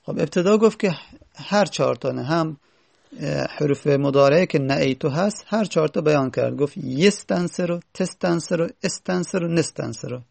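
A man teaching a lesson in a gravelly, slightly high voice. He reads a line from a grammar text, then patiently explains it and asks rhetorical questions along the way. The sound is dry and close. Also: a little mellow, dry recording. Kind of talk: classroom lecture reading and explaining a grammar text.

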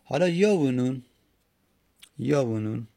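Gravelly, low-toned man teaching slowly. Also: expressive, dark tone, no room sound, studio quality. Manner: patient, repeats words slowly and drawn out. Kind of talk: explaining Arabic grammar lesson.

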